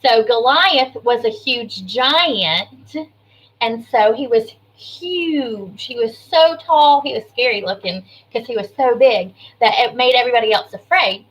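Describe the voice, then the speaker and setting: A kindergarten teacher with a fairly high-pitched voice reads an information book aloud to young children. She expressively adds chatty asides, simple explanations and questions. The recording quality is low.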